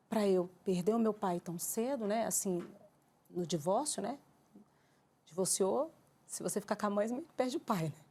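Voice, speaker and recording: A Brazilian woman giving an emotional church testimony, telling her story with lively acted-out dialogue. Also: medium pitch, slightly rough. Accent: Brazilian Portuguese. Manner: animated storyteller acting out her own quoted dialogue.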